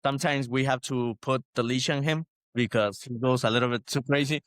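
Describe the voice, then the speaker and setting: A man's voice: mid-range voice, steady tone, fairly quick, a bit bright, clean tone, dry recording. A man, a band member guest, telling a story with hesitations on a casual podcast. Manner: storytelling, hesitant, laughs at own jokes.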